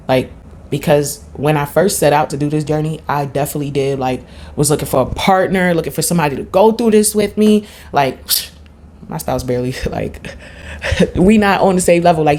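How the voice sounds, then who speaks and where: Low-voiced woman vlogging candidly. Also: a little mellow, a little hiss or hum. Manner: candid, rambling, slangy and blunt. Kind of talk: unscripted casual monologue.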